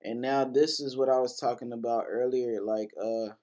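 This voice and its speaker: A man's voice: mid-range voice, fairly even intonation, moderate pace, dark tone. A man hosting a casual lesson that breaks down rap lyrics, talking loosely with lots of fillers, restarts and casual swearing. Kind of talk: casual explanatory commentary.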